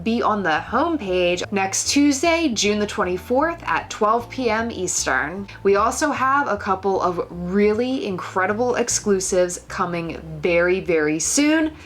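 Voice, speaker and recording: A woman's voice: medium pitch, a bit bright, a little hiss or hum. A woman co-hosting a casual chat, dry and unimpressed. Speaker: co-host.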